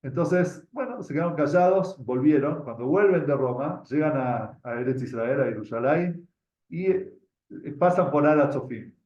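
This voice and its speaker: Speaking at a moderate pace in an animated, somewhat high and slightly mellow voice, this Argentine-accented man acts as a teacher recounting a religious story to a group. He keeps stopping to repeat himself while searching for words, and he quizzes his audience. The sound is lo-fi and muffled, with room echo.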